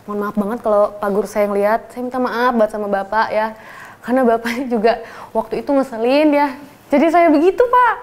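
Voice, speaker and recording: A woman's voice: on the high side, fairly quick. A young woman, telling a story casually and acting out quotes with lots of energy and laughter. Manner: animated, acts out quotes loudly, laughs often.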